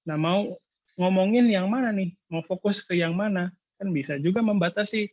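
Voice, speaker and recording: A male lecturer giving casual thesis advice in an online seminar, explaining patiently with many hesitant filler pauses. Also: high-pitched, no room sound, highs cut off. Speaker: university lecturer.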